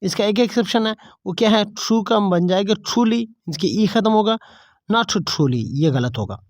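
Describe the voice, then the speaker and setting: Here a woman teaching English walks through spelling rules one step at a time, using Urdu-flavored Hindi and going over each point twice. She asks herself questions and then answers them, her mid-range voice expressive, a little mellow, and at a moderate pace. There's no echo; the sound is close and dry.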